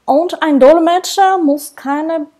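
In an extremely high voice, a woman in her thirties who is not a native German speaker describes her career as a translator and interpreter, talking solo to the camera. She goes slowly and carefully, hesitating often and laughing softly. The setting is a small indoor room with a dark backdrop, and she uses a wired earphone mic.

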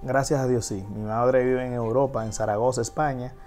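In a TV studio with faint background music, a thirtysomething DJ and TV host from the Dominican Republic chats as an interview guest. His storytelling is relaxed and meandering, with frequent restarts, delivered at moderate speed in a middle-pitched voice with a Dominican Spanish accent.

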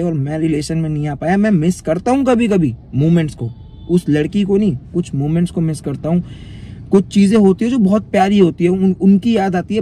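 Chatty young man with a dark voice. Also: a little high, a little hiss or hum. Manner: chatty, frequently addresses viewers as bhai. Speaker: vlogger. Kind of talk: casual storytelling to viewers.

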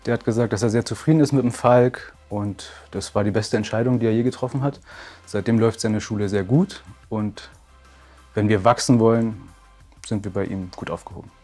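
A man's voice: fairly low pitch, steady tone, fairly quick, a little mellow, slightly rough, soft background music. A man in his forties, a martial arts school owner, speaking plainly and upbeat in a testimonial interview. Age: 40s. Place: bright room with curtains, indoors.

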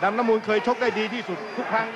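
A man giving excited boxing commentary as an urgent play-by-play, often throwing out rhetorical questions. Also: very high voice, racing, dull audio. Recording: old TV broadcast, loud crowd noise. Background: loud stadium crowd.

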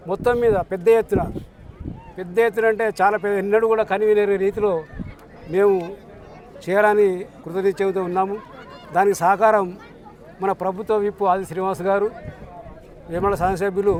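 A man's voice: sits high, flat delivery, fairly quick, long pauses, a little mellow. A man giving a formal outdoor speech for a fishermen's group, thanking officials one by one. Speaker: fishermen's community speaker. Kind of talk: formal public speech to reporters. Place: outdoors at a lakeside event.

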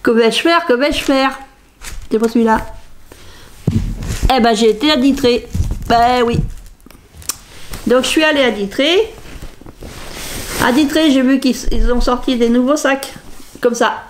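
A middle-aged woman talks through her craft haul in a rambling, self-mocking way, and her voice sits a little high. A faint hiss runs under the recording, with plastic bags crinkling now and then. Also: a little slow, pauses often. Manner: chatty, rambling, self-mocking, laughs at herself. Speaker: crafts vlogger showing a shopping haul. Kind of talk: casual haul chat.

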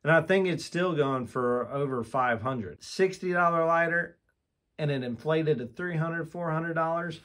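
A man with a slightly raised speaking pitch reviews a collectible lighter from his display room. He talks candidly and with enthusiasm, breaking off and restarting sentences as he gathers his thoughts. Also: unhurried, fairly bright tone. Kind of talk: casual product review vlog.

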